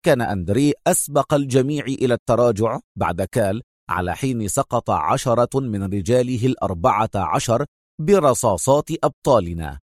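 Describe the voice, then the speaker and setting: A man reading dramatic audiobook narration in a measured storytelling way. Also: medium pitch, lively intonation, dry recording, studio quality.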